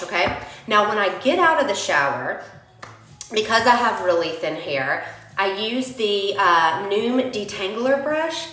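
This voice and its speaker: A young beauty vlogger chats casually through a hair-care tutorial while sniffling from a cold, calling her viewers "y'all." Her medium-pitched voice has a sharp tone, and the home recording is roomy and echoey.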